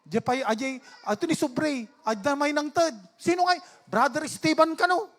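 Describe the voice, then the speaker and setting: High-voiced man preaching. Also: normal speed, a bit bright. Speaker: pastor. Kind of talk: sermon.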